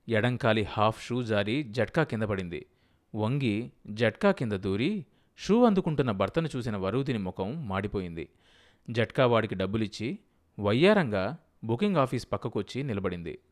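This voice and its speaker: A man narrating an audiobook in a steady storytelling manner. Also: on the low side. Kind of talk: scripted narration.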